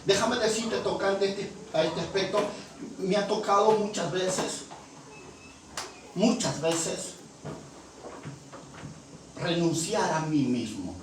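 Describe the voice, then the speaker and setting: A male pastor tells a story from the pulpit, slipping into each person's voice as the dialogue comes up. His voice sits somewhat high for a man. It carries from far off through a heavily echoing hall with a steady hum of noise. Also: takes it slowly, long pauses. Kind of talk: sermon. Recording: echoey hall from far off, noisy.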